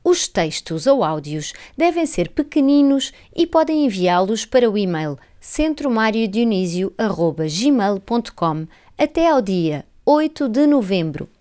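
A woman hosting a radio program, reading a poem aloud and announcing a listener challenge in a slow, deliberate way. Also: medium pitch. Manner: slow, deliberate reading with expressive rises and falls. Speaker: radio host.

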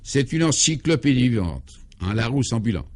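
A man's voice: sing-song, normal speed, a little hiss or hum. Droll mock-solemn male narrator. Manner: droll, mock-solemn, dropping low on punchlines. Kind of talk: comic scripted narration of a radio serial.

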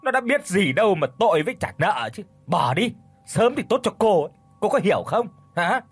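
Domineering elderly mother-in-law, voiced by a male narrator, shrill and harsh, in a dry storybook read. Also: huge pitch swings, unhurried, slightly rough, no room sound, faint music behind, heavily acted. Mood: furious scolding. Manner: harsh, scolding, shouting.

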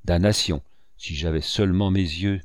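A man's voice: low-pitched, fairly even intonation, moderate pace, no room sound, studio quality, natural voice. A man voicing a vicious blind old male pirate who snarls and barks orders at his gang. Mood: raging.

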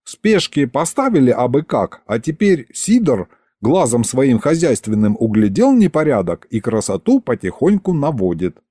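A man's voice: medium pitch, sing-song, moderate pace, few pauses, mellow, dry recording, clean studio sound. A man reading an audiobook who voices a sly old grandfather who whispers folksy advice.

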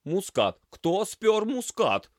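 A man's voice: high-pitched, sing-song, slow, dry recording, voice pushed up, heavily acted. A bossy, stout head chef with a bushy mustache. He bellows every order in a raised, swooping voice. The sound is close and dry. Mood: shouting orders. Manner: barking orders. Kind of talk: audiobook character voice.

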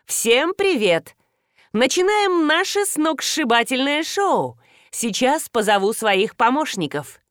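A woman voicing a brash female TV show host who announces loudly and showily. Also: a little high, lively intonation, normal speed, no room sound, clean studio sound, pitched above the performer's own voice. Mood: showy. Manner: loud showy announcing.

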